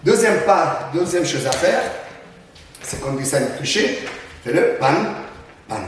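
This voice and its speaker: A man's voice: a little high, sing-song, takes it slowly, a little hiss or hum. Man coaching from far in an echoey hall. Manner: punctuates moves with sound words. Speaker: Krav Maga instructor. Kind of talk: demonstrating self-defense techniques.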